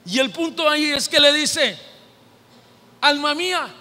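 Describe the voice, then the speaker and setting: A Mexican man preaching a sermon as pastor, impassioned and building to shouted repetitions, in a church sanctuary. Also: extremely high pitch, animated, normal speed. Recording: long hall reverb in a church.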